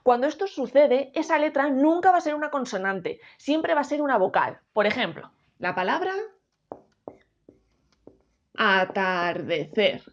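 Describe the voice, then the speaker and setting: A woman from Spain explaining a grammar lesson in clear, slow teacher talk, breaking words into syllables one by one. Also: high-pitched, expressive, dull audio. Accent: Spain Spanish. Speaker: educator.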